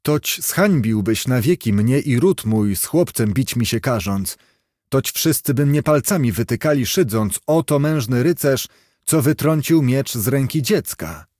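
A man's voice: mid-range voice, animated, unhurried, darkish tone, no room sound, studio quality. A man voicing a proud, angry veteran knight who speaks scornfully in an audiobook story. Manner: scornful, threatening.

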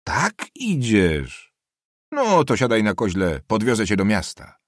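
A man playing a haughty young nobleman who questions in a hoarse, commanding, mocking manner, in an audiobook reading. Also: on the low side, big pitch swings, normal speed, no echo, studio quality.

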